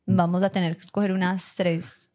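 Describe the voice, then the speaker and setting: A woman's voice: fairly low pitch, moderate pace. A young Colombian woman co-hosting a podcast, telling a story with lots of laughter and acted-out lines. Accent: Colombian Spanish. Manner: animated, laughs often, acts out her own past lines. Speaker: podcast co-host. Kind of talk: casual storytelling chat.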